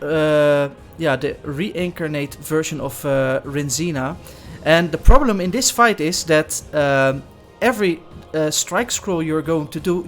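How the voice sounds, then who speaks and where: A man commenting on his game live for a stream, his voice pitched a little above the typical male range. He speaks haltingly, with frequent fillers and restarts, over faint game music. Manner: halting, with many filler sounds.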